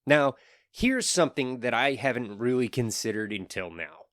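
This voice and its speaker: A man's voice: mid-range voice, lively intonation, moderate pace, fairly bright tone, dry recording, clean studio sound. A man hosting his own podcast, giving an earnest solo monologue with wry asides. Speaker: podcast host.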